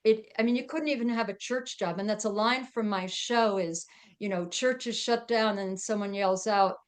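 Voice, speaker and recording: A woman's voice: medium pitch, moderate pace. A middle-aged woman chatting as a podcast guest, with lots of fillers and frequent laughs. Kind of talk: casual interview chat.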